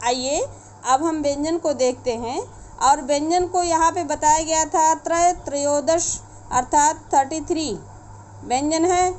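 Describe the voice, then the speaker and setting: Woman teacher, high voice, slow and patient explainer, faint background noise. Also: darkish tone. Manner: slow, explanatory, checks in with "theek hai". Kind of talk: online Sanskrit lesson for children.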